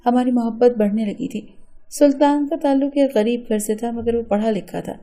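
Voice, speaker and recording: A woman's voice: a little high, mellow. A woman narrating an emotional first-person story in an earnest storytelling manner.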